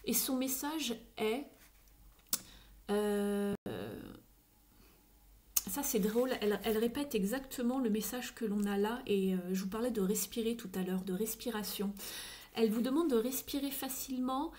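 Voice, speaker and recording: A woman talks through a tarot reading in a relaxed, chatty way, pausing often with little fillers. Her voice sits a touch high. Now and then she drops to a soft, breathy near-whisper for an aside. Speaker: tarot reader. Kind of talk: casual spoken tarot reading.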